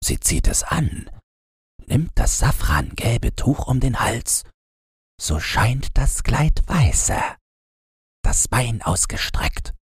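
A man reading a storybook aloud, voicing a vain, self-admiring flower in a soft dreamy tone. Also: medium pitch, big pitch swings, takes it slowly, husky, no room sound, studio quality, voice pushed up, full character voice.

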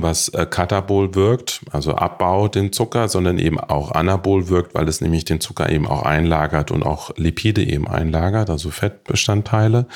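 Tiefe Männerstimme, ruhig erklärend. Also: male voice, low voice. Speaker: diabetes doctor. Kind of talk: explaining to camera.

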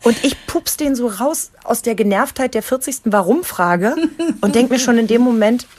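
A woman's voice: on the high side, normal speed, a little mellow, a little hiss or hum. A woman chatting casually in German, telling stories about herself with self-mocking humor and laughter. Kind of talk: casual chat.

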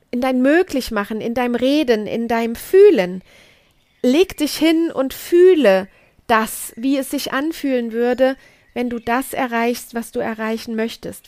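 A middle-aged woman hosting a podcast, giving a slow, emphatic motivational talk and repeating key phrases for weight. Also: on the high side, darkish tone, dry recording. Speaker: podcast host and coach.

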